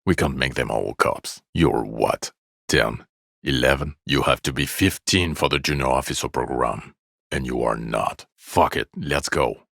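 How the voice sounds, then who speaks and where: This is the same jaded, blunt video game detective, middle-aged and heavy with weary sarcasm, voiced extremely low and creaky by a man. The performance is heavily acted and exasperated, at a measured pace with a slightly bright tone, in a close, dry recording without room sound.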